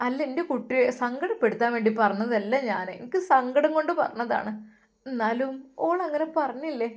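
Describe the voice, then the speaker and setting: A woman's voice: fairly quick, darkish tone, close to an everyday voice. A woman voicing a loving, fretful elderly mother in a story. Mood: coaxing. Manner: coaxing, pleading, high and sing-song. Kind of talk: storytelling with acted dialogue.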